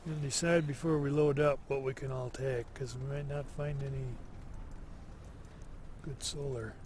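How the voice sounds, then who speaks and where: A man giving relaxed solo commentary as he plays, slow and musing, thinking aloud to himself. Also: medium pitch, background noise. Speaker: gameplay commentator.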